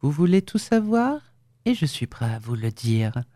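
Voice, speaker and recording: A woman reading the lines of a calm, clinical male surgeon with quiet menace in an audiobook. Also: sits low, measured pace, dry recording, studio quality. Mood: cold menace. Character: cold scheming male surgeon, middle-aged.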